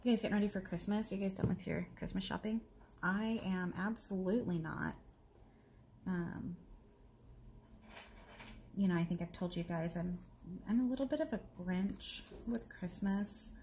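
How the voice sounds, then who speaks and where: A woman in her thirties chatting casually to viewers while she crafts, rambling and self-deprecating, now and then dropping to a soft whisper as she works. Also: medium pitch, moderate pace, pauses often, a little hiss or hum. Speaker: crafting vlogger.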